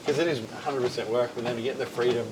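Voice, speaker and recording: A man talks quickly and casually in an interview while moving on a treadmill. His pitch is mid-range, and loud ambient noise runs behind his voice. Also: fairly even intonation. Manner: talking while exercising on a treadmill. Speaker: gym company founder and CEO.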